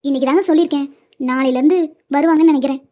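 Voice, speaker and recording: A woman's voice: high voice, fairly even intonation. A woman voicing a strict well-off mother who scolds her daughter in a cartoon. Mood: stern. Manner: scolding, brisk, stern. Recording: dull lo-fi sound.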